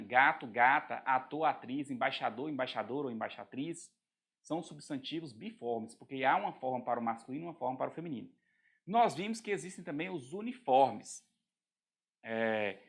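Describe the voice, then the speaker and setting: A man teaching a recorded grammar lesson, explaining step by step and often checking in with a quick question. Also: on the high side, fairly bright tone.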